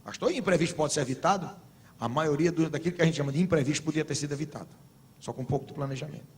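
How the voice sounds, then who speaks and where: A middle-aged Brazilian pastor preaching a sermon to couples, telling humorous stories and building to emphatic exhortation. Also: male voice, fairly high pitch, very fast. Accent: Brazilian Portuguese.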